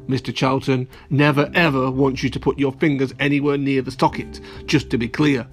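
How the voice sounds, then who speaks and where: A kids show host reading an alphabet storybook aloud to children, expressive and playful, with asides to young listeners. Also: medium pitch.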